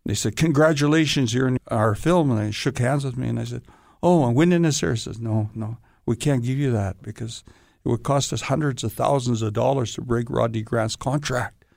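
A man with a gravelly voice tells stories in a relaxed interview. He acts out what other people said as he goes. The sound is dry and close. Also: mid-range voice, fairly quick, no echo. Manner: animated storyteller acting out quoted voices. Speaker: guest, actor and stuntman. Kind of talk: casual storytelling interview.

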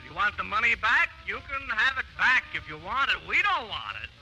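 A jumpy blustering crook, high bright voice bouncing all over, old hissy radio show sound. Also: male voice, big pitch swings, a little fast, soft background music, exaggerated voice. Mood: nervous. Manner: blustering, jittery, stammers when scared. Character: nervous, wisecracking middle-aged male crook. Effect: noisy old 1950s radio broadcast. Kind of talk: 1950s radio drama acting.

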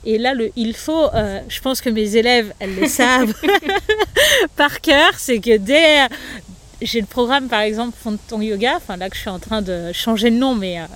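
A woman's voice: a little high, expressive, moderate pace, a bit bright. A woman, a yoga teacher, talking as a guest in a casual podcast interview, loose and chatty with lots of fillers.

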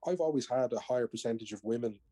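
A man's voice: mid-range voice, fast talker, warm tone, breathy edge, no room sound, studio quality. A middle-aged Irish man, a storyteller, chatting casually in a reflective, anecdotal way. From Ireland. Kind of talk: casual conversational storytelling and explaining.

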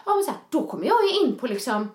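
A woman's voice: high-pitched, big pitch swings, echoey room. A woman chatting casually on a podcast, acting out her own past thoughts as she tells a story and swearing freely. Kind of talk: casual chat.

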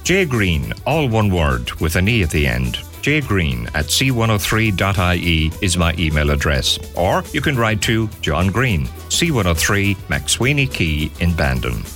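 A man's voice: deep voice, big pitch swings, unhurried, few pauses, a bit bright, soft background music. A man from Ireland with a West Cork accent, presenting a radio programme in scripted narration. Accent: Irish, West Cork. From Castletownbere, West Cork, Ireland.

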